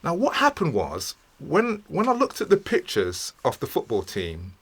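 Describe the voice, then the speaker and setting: A middle-aged man, a podcast guest telling his story in a studio with many pauses, fillers and repeated words. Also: fairly high pitch, wildly swooping pitch, slightly rough. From England. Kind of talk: casual interview storytelling.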